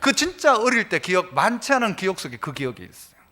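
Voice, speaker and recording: A middle-aged man, preaching a sermon as pastor, telling stories and swinging from soft to loud. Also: high voice, big pitch swings, fast. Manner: storytelling, acts out voices, swings from soft to loud.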